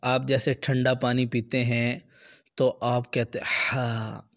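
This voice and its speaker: A man speaks at a slow pace in a mid-range voice as he teaches young children. He explains patiently with everyday examples and stretches out each sound he demonstrates. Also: mid-range voice, little pitch movement, fairly bright tone. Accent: Pakistani Urdu. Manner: drawn-out demonstration of letter sounds. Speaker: Quran reading teacher. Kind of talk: children's lesson.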